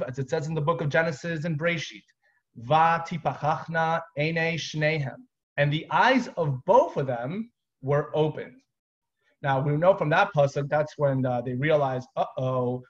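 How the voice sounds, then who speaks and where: A man in his thirties teaching a live online Torah class, explaining step by step with casual asides. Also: fairly high pitch. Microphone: webcam on a video call. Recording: dull lo-fi video call audio.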